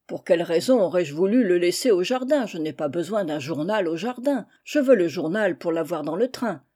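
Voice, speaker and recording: A woman's voice: lowish voice, expressive, normal speed, dark tone, breathy edge. A woman reading the lines of a grumpy, absent-minded old uncle, indignant and exasperated, in a storybook.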